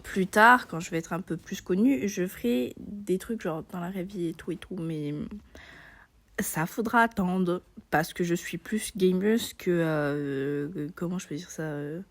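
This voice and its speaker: A woman's voice: lowish voice, a little slow. A young woman, a beginner gaming vlogger, chatting casually to her viewers in a rambling way full of fillers. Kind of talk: casual vlog chat.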